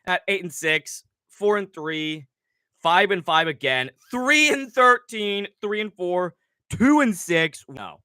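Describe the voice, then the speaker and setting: Speaking slowly in a high, clear and resonant voice with no echo, a young man hosts a casual livestream. His cold leaves him stuffy and nasal as he rambles, swears and gets worked up discussing fight picks.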